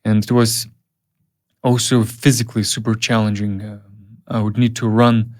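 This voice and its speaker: A man's voice: on the low side, little pitch movement. A man, a film director telling stories in a casual interview, full of fillers and restarts. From Uyghur region, Central Asia. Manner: halting, many fillers and restarts.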